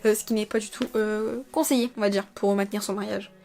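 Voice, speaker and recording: A woman's voice: medium pitch, steady tone, fast talker, creaky, a little mellow, soft background music. Chatty woman vlogger full of fillers. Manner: chatty, rambling, many hesitant fillers. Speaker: YouTuber reviewing films. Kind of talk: casual chat.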